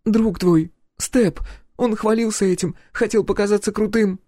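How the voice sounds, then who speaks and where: A man's voice: high-pitched, steady tone, normal speed, dark tone, dry recording, voice pushed up. A man voicing a terrified young woman who stutters and wails through tears in an audiobook. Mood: tearful pleading. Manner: stuttering, wailing, pleading. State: crying.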